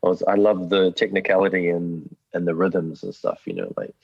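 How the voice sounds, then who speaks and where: Male musician guest, Kiwi accent, low husky voice, easygoing slangy chat, slightly lo-fi sound. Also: very animated, normal speed, a little mellow, no echo. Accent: New Zealand. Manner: laid-back, slangy, matey. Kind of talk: casual chat. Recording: dull lo-fi call audio.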